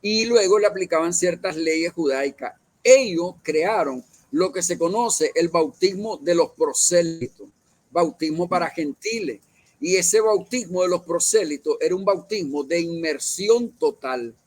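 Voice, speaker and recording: A man's voice: a little high, a little slow, no echo. A man leading a Bible study, explaining at length, with many fillers and self-corrections. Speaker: church leader.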